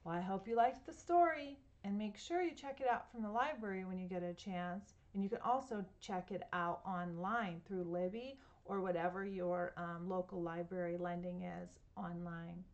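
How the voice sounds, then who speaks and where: Woman reading a picture book aloud at home, gentle and inviting, with pauses for questions to young listeners. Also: fairly low pitch, highs cut off. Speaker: children's story reader.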